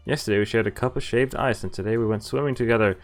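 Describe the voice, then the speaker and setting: Reading a visual novel's text aloud, a game streamer with a lowish voice talks fast and tosses in casual commentary. Faint game music plays in the background.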